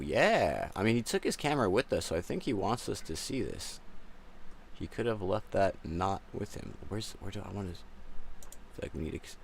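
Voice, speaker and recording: A man's voice: lowish voice, vocal fry, a little hiss or hum. A man hosting a live art battle stream over a video call, chatting casually in an upbeat, rambling way.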